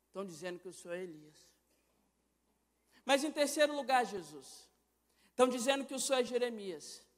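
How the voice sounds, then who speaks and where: High-voiced Brazilian preacher in a big hall. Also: male voice. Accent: Brazilian Portuguese. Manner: impassioned, swings between loud and hushed. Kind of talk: sermon. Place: large church hall. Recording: reverberant church hall.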